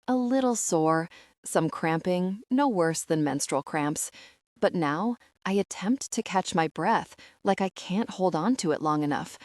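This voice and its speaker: A woman with a lowish voice reads a first-person audiobook. Her delivery is intimate and emotional, with soft dips. The close studio recording is dry, with almost no room sound. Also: expressive, unhurried, dry recording. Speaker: audiobook narrator.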